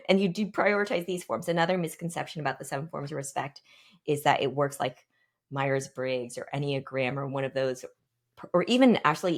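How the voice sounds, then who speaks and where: Low-voiced woman leading a workshop talk. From Pacific Northwest, United States. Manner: reflective, pausing, asks the group questions. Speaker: workshop guest speaker.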